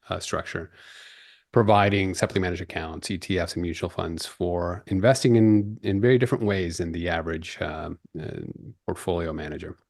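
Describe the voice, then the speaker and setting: A man in his forties from Peru, a guest on a podcast interview, telling his background in a measured, explanatory way. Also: low voice, dry recording, studio quality.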